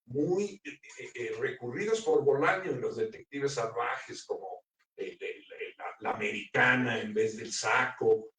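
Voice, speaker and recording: A man's voice: mid-range voice, unhurried, a bit bright. A man giving a thoughtful literary talk at a book presentation, hesitating often with fillers and restarts. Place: bookstore event room. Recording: roomy, picked up from a distance.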